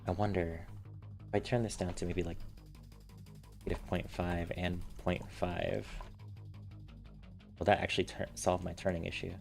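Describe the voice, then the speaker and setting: Gravelly low-voiced man thinking aloud. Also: flat delivery, normal speed, pauses often, a little mellow, faint music behind. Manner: muttering settings while tinkering. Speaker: streamer developing a game. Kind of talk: casual livestream, thinking aloud.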